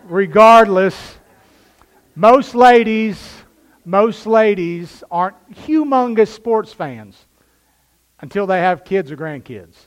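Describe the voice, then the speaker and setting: A male pastor preaching a sermon, swinging from loud bursts to quiet asides. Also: high-pitched, animated, slow.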